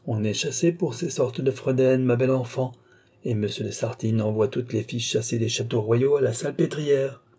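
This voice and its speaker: A man's voice: medium pitch, moderate pace, mellow, husky, natural voice. A man voicing an old duke and marshal in an audiobook, sly and teasing, with a lightly threatening, knowing tone. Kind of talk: audiobook reading.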